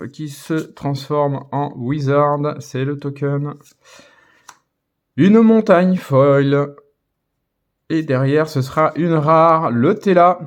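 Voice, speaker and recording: A man casually commenting as he opens trading card packs, hesitating often with filler sounds and restarts and reading card names out slowly. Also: fairly high pitch. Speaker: card-opening video host.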